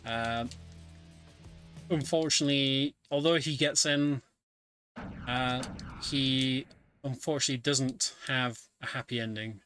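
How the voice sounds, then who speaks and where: This speedrunner talks over his own run from home with a mid-range, somewhat bright voice, unhurried and fairly even in intonation with long pauses. His commentary for the streamed online event is chatty and wry, telling the game's story, while game music plays underneath.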